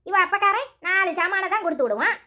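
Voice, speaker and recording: A woman gives a full character voice to a cartoon's nagging old mother-in-law, rattling off sarcastic scolds in Tirunelveli Tamil. Her delivery is very high and expressive.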